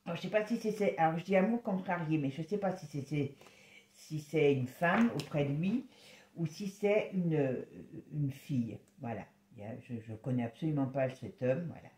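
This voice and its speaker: A woman giving a casual tarot reading, chatty and exclamatory, sometimes dropping to a soft murmur. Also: deep voice, echoey room. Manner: chatty, exclamatory, halting with restarts; drops to a soft murmur when concentrating. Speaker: tarot reader.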